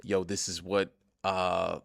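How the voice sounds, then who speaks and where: Taking it slowly, a young man with a low, gravelly voice and level tone rambles and swears through casual gameplay commentary about himself. He's chatty and quick to laugh, and the studio recording is clean with no echo.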